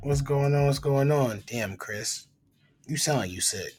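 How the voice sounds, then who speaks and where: A man's voice: medium pitch, measured pace, a little mellow, faint music behind. A man co-hosting a casual sports podcast, teasing, blunt and rambling. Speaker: podcast co-host.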